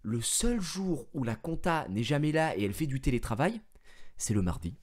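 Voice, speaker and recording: A male streamer telling a story to his viewers in an expressive way, swinging from mumbling to shouting and swearing, on a headset mic. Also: medium pitch, moderate pace. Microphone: gaming headset.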